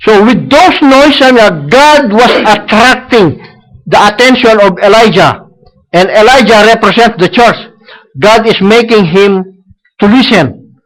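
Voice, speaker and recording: A man's voice: high-pitched, a little slow, a bit bright, poor audio. A man preaching a sermon at a church service, mixing Tagalog and English, repeating points for emphasis and tagging lines with a questioning "No?". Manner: switches between Tagalog and English, tags lines with "No?".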